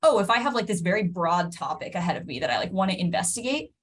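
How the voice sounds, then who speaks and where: A woman's voice: lowish voice, very animated, quick pace, husky. A woman in her twenties speaking casually as an alumna panelist on a video call, chatty and full of likes. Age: 20s.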